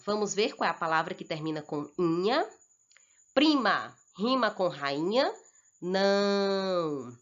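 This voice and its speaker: A woman teacher, slowly talking children through a worksheet and checking in with "ok?". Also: mid-range voice, a bit bright. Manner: slow and deliberate, checks in with "ok?". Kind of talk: slow, patient worksheet instruction for children. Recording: dull lo-fi recording.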